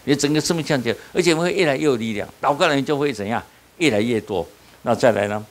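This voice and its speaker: At a small-group leader training, a male pastor preaches a sermon in a mid-range voice, talking fast. He poses questions to the audience, answers them himself, and keeps tagging on "you know?", repeating "你知道吗" often.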